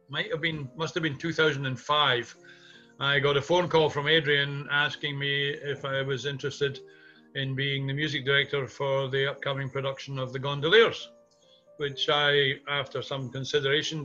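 Speaking at medium pitch and a moderate pace, an older man from Scotland (60s or older) delivers flat yet bright, forceful reminiscences, thoughtful and hesitant. He is a community theatre music director being interviewed by video call from a small room in his home. The webcam sound is muffled, and music plays underneath.

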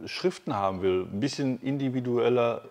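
A man's voice: medium pitch, normal speed, a little mellow. A man hosting a casual interview in a large workshop hall, talking in a chatty, enthusiastic way with many fillers and restarts. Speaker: host.

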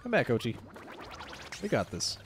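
A man's voice: medium pitch, wildly swooping pitch, normal speed, noisy background. A man hosting a gaming video, giving casual, off-the-cuff commentary as he plays. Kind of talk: casual let's-play commentary.

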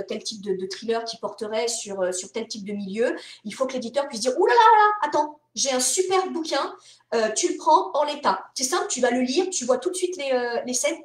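A woman author answering reader questions in a casual live-stream Q&A. She is animated and talkative, with many hesitations and casual swearing. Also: a little high. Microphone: webcam or phone mic on a live stream. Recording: roomy echo.

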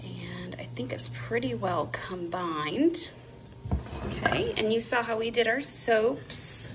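A woman's voice: a little high, slow pace, background noise. A woman in her thirties gives a chatty, upbeat how-to walkthrough while working in her home kitchen, talking into a phone held at arm's length. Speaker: DIY homemaking vlogger. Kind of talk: casual how-to narration. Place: home kitchen and laundry room.

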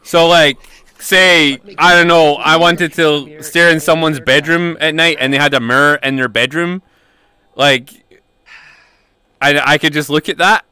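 A man's voice: a little high, fairly even intonation, unhurried, bright, forceful tone, clean tone, no room sound. A man chatting casually and playfully on a role-play livestream, often exclaiming. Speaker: streamer playing along in a virtual school.

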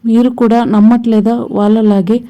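A woman's voice: on the high side, little pitch movement, normal speed, warm tone, natural voice. A woman voicing an earnest young woman in a TV serial retelling. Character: young woman confessing love joyfully.

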